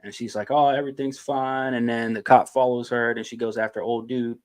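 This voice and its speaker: A man's voice: medium pitch, level tone, brisk. A man co-hosting a podcast, talking in a laid-back way and swearing casually as he recounts things. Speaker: podcast co-host. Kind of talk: casual chat.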